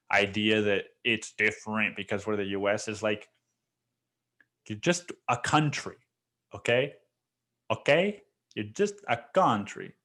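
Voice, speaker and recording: Medium in pitch and a touch bright, a young man from Mexico talks alone on his podcast. It's a casual, meandering monologue packed with profanity, fillers, and "dude" after "dude."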